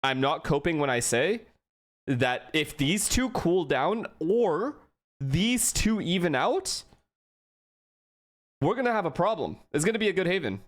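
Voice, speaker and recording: A man streaming a live esports watch-along, excitable and profane, talking straight to his chat. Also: fairly high pitch, a little slow.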